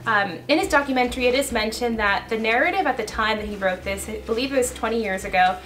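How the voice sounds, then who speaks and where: A young woman, a vlogger and YouTuber talking fast and chattily to her viewers. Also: on the high side, a bit bright, a little hiss or hum. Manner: fast, chatty, laughing asides. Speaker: YouTuber and blogger. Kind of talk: casual vlog commentary.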